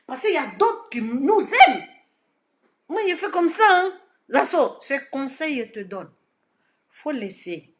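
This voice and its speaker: Ivorian woman talking to camera, kinda high and really bright, goes loud then soft, says stuff twice. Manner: swings from shouting to low, soft advice; repeats words for emphasis. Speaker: political social media commentator. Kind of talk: direct-to-camera message.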